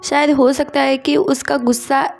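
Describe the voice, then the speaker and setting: A woman casually retelling a comic story in a chatty, expressive way. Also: high voice, moderate pace, gravelly, faint music behind.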